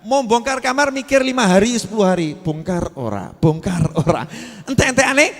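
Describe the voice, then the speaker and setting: In a large hall, a man with a Javanese-tinged Indonesian accent preaches a humorous sermon, playfully teasing his listeners and dropping into Javanese phrases. His voice is high-pitched, gravelly and very animated, at a moderate pace.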